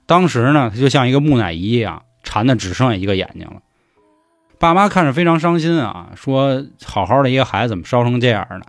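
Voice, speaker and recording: A man's voice: medium pitch, expressive, fast, dry recording, studio quality. A man with a Beijing Mandarin accent telling an urban legend in a chatty, colloquial podcast style. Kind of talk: podcast storytelling.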